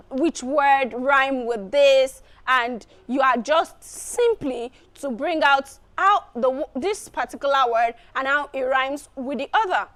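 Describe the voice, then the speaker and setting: High-voiced, unhurried woman teacher. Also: a bit bright. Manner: repeats phrases, explains step by step with many fillers. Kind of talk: exam preparation lesson.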